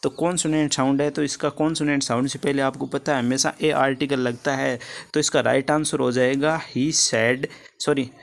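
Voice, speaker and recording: A man's voice: mid-range voice, gravelly. Hindi-speaking man teaching English grammar. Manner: explanatory, repeats key words and "ठीक है" to check in with students. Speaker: exam coaching teacher. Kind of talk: explaining answer key in Hindi with English terms.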